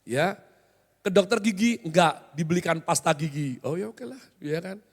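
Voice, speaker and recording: A man preaches a sermon in a large hall, and his words trail off in a long reverb. He keeps it conversational and jokey, tossing quick questions at the congregation. His voice sits well above most men's. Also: high voice, expressive. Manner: joking, conversational, often quizzes the congregation. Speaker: pastor. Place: large hotel hall used as church.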